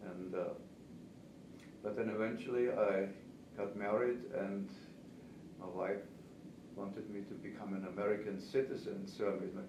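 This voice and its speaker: In a roomy, noisy, distant recording, a veteran pastry chef and cake instructor in his seventies, native German with an Austrian accent, answers interview questions. His lowish voice stays steady at normal speed, with long pauses.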